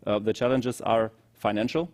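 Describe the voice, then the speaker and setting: German-accented consultant, low voice. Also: male voice, darkish tone. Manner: measured, analytical, with frequent fillers. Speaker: consultant guest expert on climate and energy. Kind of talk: expert briefing in conversation.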